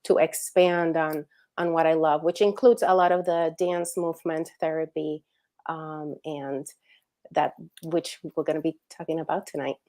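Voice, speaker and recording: A woman's voice: sits low, fairly even intonation, normal speed, dark tone. Chatty woman therapist guest. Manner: friendly, chatty, with light laughs and fillers like "like". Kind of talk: interview conversation.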